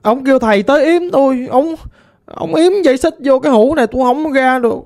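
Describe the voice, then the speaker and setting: A woman voicing the vengeful ghost of a murdered teenage girl, pleading slowly in a Southern Vietnamese accent. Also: high-pitched, darkish tone. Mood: aggrieved. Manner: pleading, slow and plaintive.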